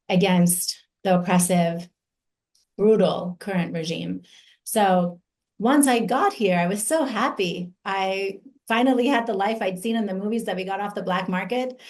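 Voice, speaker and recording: Invited to speak, a woman in her forties who grew up in Iran gives an earnest personal testimony. She talks slowly and deliberately, using emphatic pauses, and her voice is lowish with a darkish tone.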